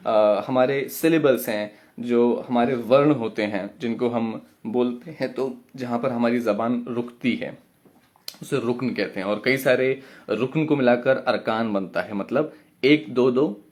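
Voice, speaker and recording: A man teaching a poetry workshop, chanting syllables and beat counts in a drawn-out way. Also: mid-range voice, a little mellow. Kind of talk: online lesson.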